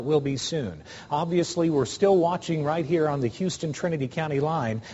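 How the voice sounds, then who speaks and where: An American man gives formal, measured weather commentary on live TV. His voice is dark and soft-edged, a little high for a man. The sound is dull, with a long reverb. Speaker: TV weather forecaster. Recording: dull, reverberant broadcast with faint noise.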